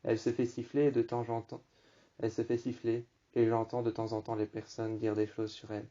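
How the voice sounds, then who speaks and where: A man telling a first-person story, halting and often repeating and rephrasing his phrases. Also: medium pitch, monotone, dark tone. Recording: dull lo-fi recording.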